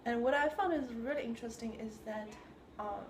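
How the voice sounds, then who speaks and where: A woman talks through her ideas slowly and carefully, pausing often to find the right word. Her voice carries the echo of a roomy space, with a steady hiss of background noise. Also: fairly high pitch. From China. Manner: thoughtful and halting, searching for words. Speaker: composer, interview guest. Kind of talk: reflective conversation. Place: room in New York.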